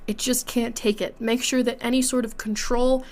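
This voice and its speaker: A young woman with a congested voice, giving an online singing lesson as a voice teacher in a clear, instructive way. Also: a little high, little pitch movement, moderate pace, darkish tone. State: congested from a cold.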